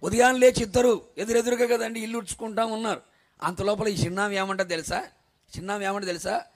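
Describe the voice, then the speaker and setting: A man pastor preaching a storytelling sermon, dramatic, asking the congregation questions and sometimes shouting. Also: high-pitched, steady tone, quick pace.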